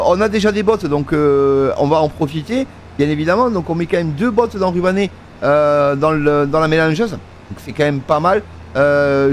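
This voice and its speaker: Slightly high-voiced, a male gaming creator jokes with the workers in his farming game while giving loose, filler-packed let's-play commentary. There's a bit of background noise.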